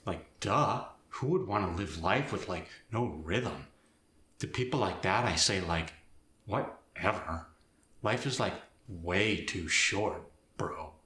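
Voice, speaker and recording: Young nineties Valley guy slacker, chill and dim, valley-girl upspeak, slow bright drawl, comic character. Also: low voice, expressive, full character voice. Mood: chill, dismissive. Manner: valley-girl style drawl full of "like", "dude" and rising sentence ends. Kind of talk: comic character demonstration in accent lesson. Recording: roomy echo.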